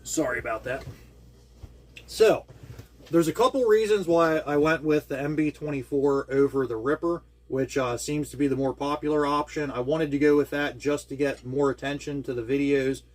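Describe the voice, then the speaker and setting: A man's voice: a little high, normal speed. A man hosting his own hobby channel, walking through a build in a casual, enthusiastic way, rambling and full of ums and uhs, talking indoors at home. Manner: enthusiastic, rambling with many fillers. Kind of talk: casual product walkthrough. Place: indoors at home with air conditioning.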